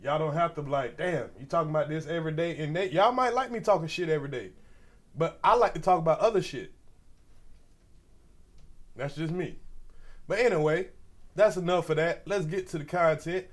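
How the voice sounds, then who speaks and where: A man in his forties hosts a commentary livestream, talking straight to viewers in a loose, slangy, rambling way through a stuffy nose. His voice is a little high and brisk, with frequent pauses.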